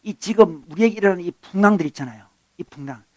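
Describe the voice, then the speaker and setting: A man preaching a sermon in a fairly high voice, recorded close and dry. He drives points home with sudden loud bursts, then drops to quiet asides. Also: fast talker, no room sound. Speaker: pastor.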